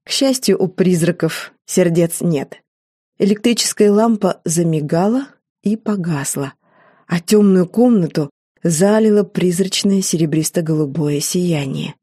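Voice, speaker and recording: A woman narrating a story in the first person, in a wry, even storytelling manner. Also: fairly low pitch, unhurried, slightly rough, no echo, studio quality. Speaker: audiobook narrator. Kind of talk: scripted narration.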